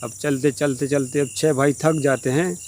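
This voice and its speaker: A man's voice: medium pitch, fairly even intonation, normal speed, a little mellow, a little hiss or hum. A man telling a comic village folk tale in a plain, rambling, repetitive way. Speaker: storyteller. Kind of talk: casual oral folk storytelling.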